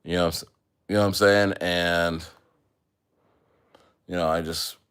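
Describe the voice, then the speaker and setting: A man's voice: sits low, steady tone, unhurried, a bit bright, clean tone. A man hosting a casual livestream, rambling with many fillers and talking straight to his viewers. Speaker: livestream host.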